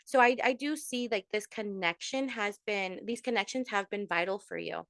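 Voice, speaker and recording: Bright, chatty woman tarot reader. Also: mid-range voice, moderate pace, vocal fry, no echo, studio quality. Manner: chatty, warm address with Spanish endearments and many fillers. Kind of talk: casual monthly tarot reading to followers.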